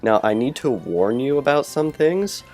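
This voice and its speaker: A man does casual let's play commentary, rambling over his gameplay and correcting himself in a chatty way. His voice is medium-pitched, animated and a little mellow, at a moderate pace. It's captured on a cheap earbud headset mic, lo-fi, with game music playing.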